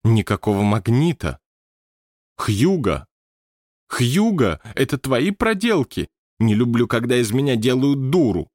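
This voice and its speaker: A man's voice: medium pitch, expressive, slow pace, a little mellow, no echo, clean studio sound, pitched above the performer's own voice. A man voicing a theatrical, self-important woman medium who declaims melodramatically in an audiobook. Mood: indignant. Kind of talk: audiobook character voice.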